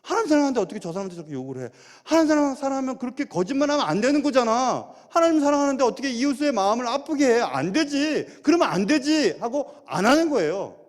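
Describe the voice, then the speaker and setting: A middle-aged man preaching a sermon as pastor, animated and full of rhetorical questions. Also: very high voice, fast, few pauses. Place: large church sanctuary. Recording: long church hall reverb.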